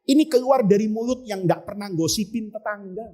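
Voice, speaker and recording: A man's voice: high voice, normal speed. A male preacher telling a religious story to a congregation, breaking off for jokes and asides to the audience. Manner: lively, joking asides to the audience. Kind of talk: humorous sermon storytelling.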